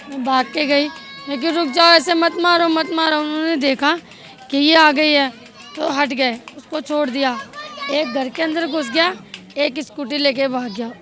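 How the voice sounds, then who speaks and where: Outdoors in a street interview, a middle-aged woman, the victim's stepmother, gives a distressed, pleading account and is tearful at times. Her voice sits high and sounds a bit bright.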